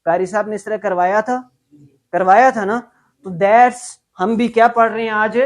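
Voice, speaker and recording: A young Pakistani man with a Pakistani accent, teaching an English class and drilling students in loud call-and-response. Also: high voice, steady tone, normal speed. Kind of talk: classroom lecture.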